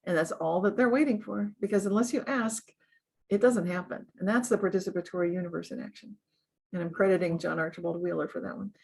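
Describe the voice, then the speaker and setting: Husky, earnest woman guest. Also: fairly low pitch, quick pace. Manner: earnest, upbeat, laughs often, animated when giving advice. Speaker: interview guest, author. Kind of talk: conversational interview.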